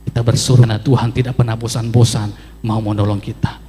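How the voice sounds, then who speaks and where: A man's voice: mid-range voice, level tone, quick pace, warm tone, breathy edge, in a large hall. A man pastor preaching a sermon emphatically, with sweeping rises and drops and repeated phrases for emphasis.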